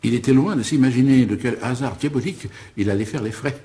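A man's voice: medium pitch, fast, dark tone, lightly acted. An actor playing a man who dictates a melodramatic story over the phone, in mock-dramatic narration. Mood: dictating.

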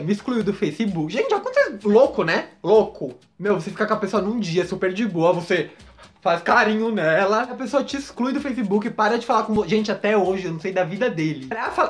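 A man telling a dramatic, gossipy story to camera, often calling out to his viewers. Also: high-pitched. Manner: gossipy, dramatic, campy, addresses viewers as "gente" and "menina". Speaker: vlogger.

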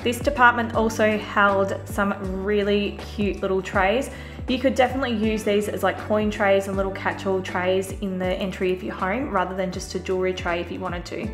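A woman talking casually through a shopping voice-over, relaxed and chatty with lots of fillers. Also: medium pitch, moderate pace. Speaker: vlogger. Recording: roomy voice-over with faint music.

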